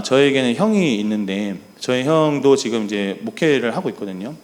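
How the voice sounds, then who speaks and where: A middle-aged man preaching as a pastor, telling a personal story in an earnest way and softly acting out quoted lines. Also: medium pitch. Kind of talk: sermon.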